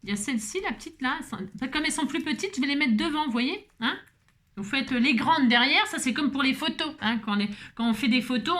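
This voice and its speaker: Woman, craft vlog host, chatty, hums while working, slightly high voice. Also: a bit bright. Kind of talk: casual chatty craft tutorial.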